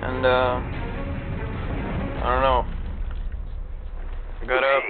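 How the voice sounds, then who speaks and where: A man's voice: mid-range voice, completely flat delivery, slow pace, music in the background. A young man just out of bed, rambling and swearing through a casual commentary over his game footage. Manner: rambling, profane, drowsy. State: just woken up. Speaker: gaming commentator. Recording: tinny lo-fi capture with noise.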